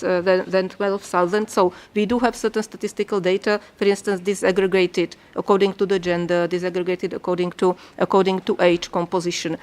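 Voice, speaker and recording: A woman, a delegation member giving formal testimony at a committee hearing, speaking slowly and filling her sentences with restarts and hesitations. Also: medium pitch, clear, resonant tone. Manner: hesitant, many fillers and restarts.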